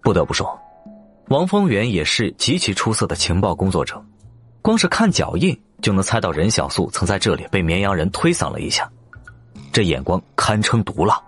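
Male audiobook narrator, low pitch, animated intonation, expressive storytelling. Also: moderate pace, slightly rough, soft background music. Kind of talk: scripted narration.

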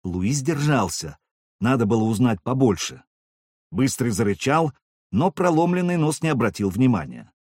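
A man reading a novel aloud as a narrator with expressive, lively storytelling. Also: mid-range voice, moderate pace, breathy edge, no echo, studio quality. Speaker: audiobook narrator. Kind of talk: scripted narration.

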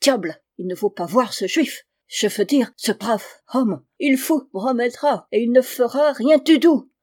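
A woman voicing an eager, scheming middle-aged German man who wheedles and chuckles high. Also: a little slow, a little mellow, no room sound, clean studio sound. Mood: wheedling.

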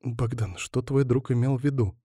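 A man voicing a quiet, anxious young woman who is stubborn under pressure. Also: medium pitch, fast talker, dry recording, clean studio sound, voice pushed up, lightly acted. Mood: worried.

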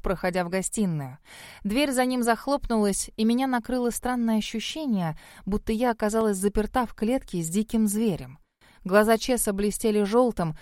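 A woman narrates an audiobook in an even, storytelling manner. Her voice sits in a middle register and sounds dry and close, with no room sound at all. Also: mid-range voice, dry recording. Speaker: audiobook reader. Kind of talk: scripted first-person narration.

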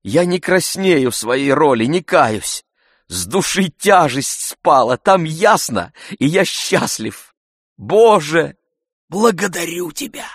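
A man voicing an emotional middle-aged gentleman who gushes and exclaims, in a read-aloud story. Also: medium pitch, takes it slowly, dry recording, studio quality, pitched above the performer's own voice. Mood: elated. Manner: excited, gushing exclamations.

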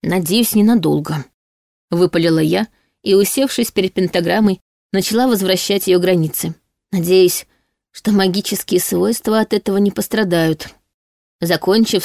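A woman reading a first-person fantasy audiobook aloud in a lively, expressive way. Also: fairly low pitch, vocal fry, dry recording, clean studio sound. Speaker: audiobook narrator.

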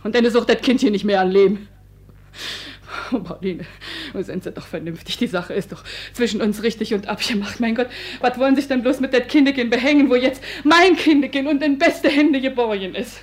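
Actress playing a desperate matron. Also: female voice, a little high, fairly quick, natural voice. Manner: coaxing, then threatening, muttering under her breath. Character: middle-aged Berlin cleaning woman, desperate and menacing. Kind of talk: 1950s radio play acting.

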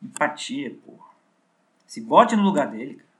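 A man's voice: mid-range voice, big pitch swings, moderate pace, fairly bright tone. Man, podcast host, casual retelling, profane slang, repeated fillers.

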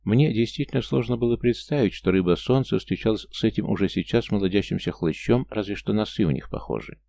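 A man's voice: lowish voice, fast talker, gravelly, mellow, no room sound. A man narrating a first-person story in a dry, wry manner. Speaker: audiobook narrator.

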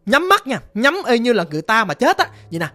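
A narrator with a Southern Vietnamese accent telling a ghost story in a casual, animated, dramatic way, speaking straight to the listener. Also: medium pitch, quick pace. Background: faint music.

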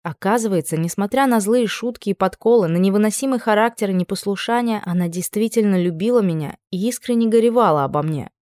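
A woman narrating a first-person fantasy audiobook in a lively, expressive reading. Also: mid-range voice, quick pace, few pauses, dry recording, clean studio sound.

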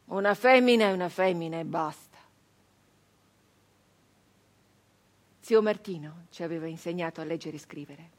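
A stage actress plays a 19th-century Italian brigand woman of peasant birth in a theatrical radio monologue, her voice husky and on the low side, lightly acted. Wistful, reflective and proud, she recalls home in halting, emotional reminiscence full of hesitant repetitions.

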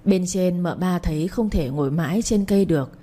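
A woman narrating a romance story in a steady storytelling manner. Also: lowish voice, fairly quick.

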